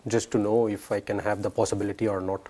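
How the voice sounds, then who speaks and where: A man's voice: lowish voice, little pitch movement, quick pace, dark tone, a little hiss or hum. A young man from south India, a PhD student speaking hesitantly with many fillers in a casual roundtable discussion.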